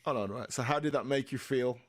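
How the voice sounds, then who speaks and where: A man's voice: mid-range voice, fast. A man hosting a casual podcast chat, cutting in with short friendly remarks. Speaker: host.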